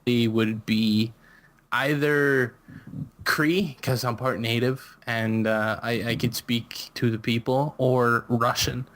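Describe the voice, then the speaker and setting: Man, from Canada, unhurried, giggly, jokey banter, podcast call. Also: medium pitch, fairly even intonation, a bit bright. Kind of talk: casual group chat on a call.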